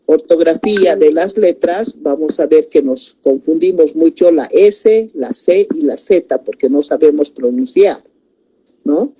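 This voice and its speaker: Woman teacher, unhurried, explanatory, deep mellow timbre. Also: breathy edge. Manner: slow and explanatory, repeats words, many tag questions. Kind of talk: spelling lesson.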